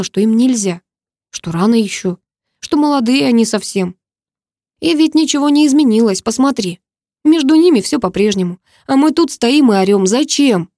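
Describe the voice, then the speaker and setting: A woman's voice: fairly high pitch, warm tone, no echo, studio quality, voice pushed up, lightly acted. A woman voicing a pleading anxious mother. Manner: pleading, tearful emphasis.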